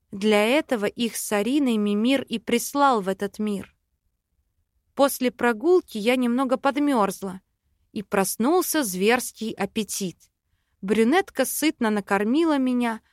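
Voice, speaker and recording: A woman reads a fantasy audiobook in first person, with smooth, even storytelling. Her voice sits fairly high for a woman, and the recording is dry and close, with no room sound. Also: no room sound. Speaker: audiobook narrator. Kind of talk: scripted narration.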